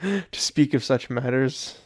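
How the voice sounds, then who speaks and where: A man's voice: medium pitch, lively intonation, measured pace, husky, no echo, studio quality. A man co-hosting a comedy podcast, bantering and teasing his friend, with casual swearing. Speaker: podcast co-host.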